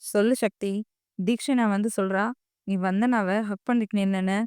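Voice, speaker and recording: A woman's voice: medium pitch, fairly even intonation, moderate pace, darkish tone, clear, resonant tone, dry recording, studio quality, lightly acted. A woman voicing a stern mother who insistently questions her son in an audio novel.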